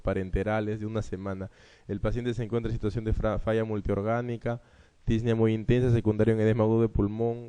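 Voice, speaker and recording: A man going through medical exam questions in a conversational lecture, often checking in with quick asides. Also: fairly low pitch, dark tone. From Peru. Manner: conversational, checks understanding with frequent "¿no?" and "¿ya?".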